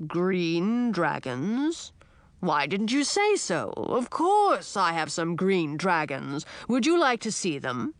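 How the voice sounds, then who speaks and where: Lady doing a big old grandpa dragon king, super slow and lowish, proud, dry close sound. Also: sing-song, no room sound. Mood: eager. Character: ancient male dragon king, huge, proud, absent-minded.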